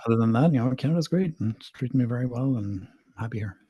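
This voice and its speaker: A man's voice: mid-range voice, expressive, quick pace, breathy edge, no room sound, dull audio. A middle-aged man from Sweden, a podcast guest talking casually, rambling and self-deprecating with frequent restarts. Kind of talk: casual interview talk.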